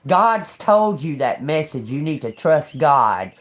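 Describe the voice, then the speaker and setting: A woman's voice: low-pitched, very animated, takes it slowly. A woman in her fifties doing a tarot reading for viewers in an emphatic, chatty way, calling them y'all. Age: 50s. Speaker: tarot reader.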